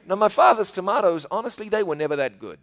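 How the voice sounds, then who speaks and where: With a Kiwi accent, a middle-aged storyteller shares childhood memories in a homespun, conversational style, addressing the listener directly. His high voice is a bit bright, his intonation lively, and his pace quick.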